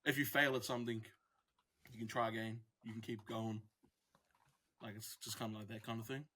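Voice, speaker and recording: A man co-hosting a casual podcast chat, animated and quick to laugh. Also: on the low side, a little hiss or hum. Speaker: podcast co-host.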